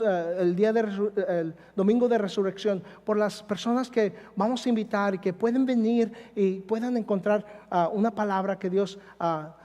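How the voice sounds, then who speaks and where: A man's voice: high-pitched, dark tone. A man preaching a sermon as pastor in a conversational way, often adding tag questions to his listeners. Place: church. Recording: long church hall reverb.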